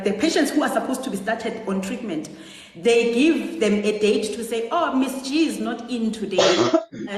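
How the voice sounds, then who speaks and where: A woman's voice: fairly high pitch, darkish tone. A South African woman, a nurse, talking passionately and emotionally on a live stream from her phone. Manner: earnest, emotional, retells patients' words. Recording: echoey hall-like room.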